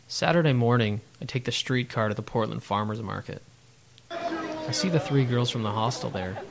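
A man's voice: medium pitch, sing-song, moderate pace, gravelly, over loud music. A man reading a wry, reflective travel-diary narration.

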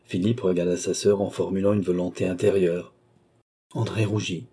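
Low husky male audiobook narrator. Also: flat delivery, moderate pace, mellow. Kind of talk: scripted literary narration.

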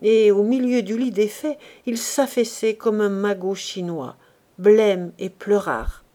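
A medium-pitched woman narrates a classic novel as an audiobook reader, delivering the literary text in a measured, expressive way.

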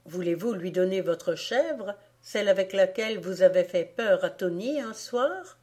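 A woman's voice: medium pitch, expressive, a little slow, darkish tone, natural voice. A woman reading aloud voices a clever mother who speaks in a serious, composed way. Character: calm, clever mother of a girl.

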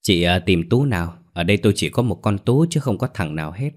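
A man voicing a fierce older woman who runs a theater troupe, scolding loudly and fast. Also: low voice, animated. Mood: furious. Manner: bossy, yelling, rapid scolding.

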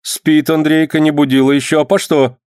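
A man voicing a frightened but defiant peasant wife who protests loudly. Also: flat delivery, normal speed, clean tone, dry recording, clean studio sound, natural voice. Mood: alarmed, defiant. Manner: shrill, protesting.

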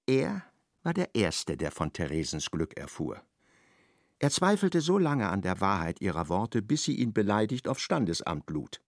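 With a close, dry recording that has no room sound, a man's gravelly mid-range voice narrates a literary radio play. He is highly animated and ironically expressive, speaking at a moderate pace.

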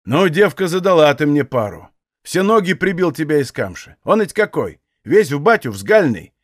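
A garrulous older Cossack who grumbles in rough country talk, as a male reader plays him. His voice sits raised and bounces lively, dry and close. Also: a little high, normal speed, no echo. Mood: grumbling.

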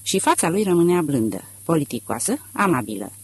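A man reading a literary audiobook aloud in a measured, expressive narration. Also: on the high side, slight background noise. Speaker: audiobook reader.

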